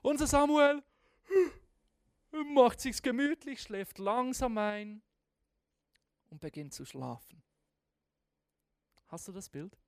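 A preacher giving a lively sermon, retelling a story in casual, slangy, dramatic words. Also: medium pitch, slow pace, pauses often, smooth, no echo, studio quality.

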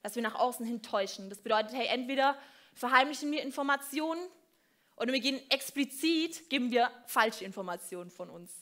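A woman preaching a sermon in a church, speaking directly and informally to the congregation, with big swings between loud and quiet. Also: a little high, expressive, fairly quick.

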